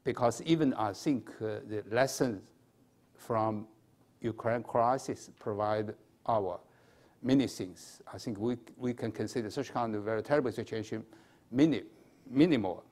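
A man in his sixties with a Chinese accent, giving a formal lecture at a podium in a halting, hesitant manner with repeated words. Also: on the low side, a little mellow. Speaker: academic conference speaker. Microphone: podium microphone.

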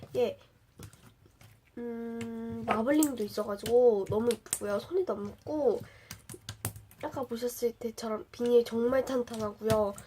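A young woman with a slight cold, which changes her voice a bit, reviews slime in a casual show-and-tell vlog, chatting with lots of fillers and asking viewers questions directly. Her voice is a little high with a dark tone, on a noisy home recording.

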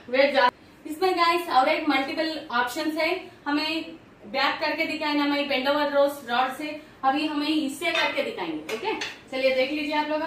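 A cheerful woman in her thirties, a fitness vlogger, walks viewers through machine exercises in a casual workout demo, chatty and upbeat as she addresses them directly. Her high, slightly bright voice sounds distant and boomy, since the camera sits a few steps away in a bare, very echoey small home gym room. Slight background noise is present.

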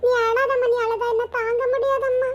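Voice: very high voice, flat delivery, normal speed, dull audio. A voice actor voicing a worried young daughter in a cartoon, calling and pleading again and again. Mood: tender, coaxing. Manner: pleading, repeats calls of mother. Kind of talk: cartoon voice acting.

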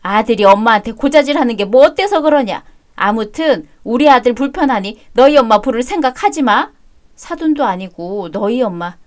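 A woman voicing a bossy older mother-in-law who scolds and demands in sharp bursts. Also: a little high, lively intonation, moderate pace, close to an everyday voice. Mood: scolding.

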